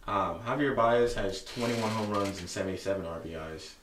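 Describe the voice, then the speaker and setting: A man's voice: lowish voice, normal speed, background noise. A man co-hosting a casual sports podcast, rambling with lots of fillers as he reads stats aloud. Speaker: podcast co-host. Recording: echoey room, distant from mic.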